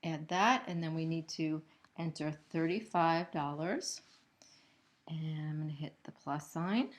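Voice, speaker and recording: A woman's voice: low voice, a little slow. A woman narrating a corporate training video as a trainer, explaining each step in a patient, methodical, unscripted way. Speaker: trainer for gallery sales staff.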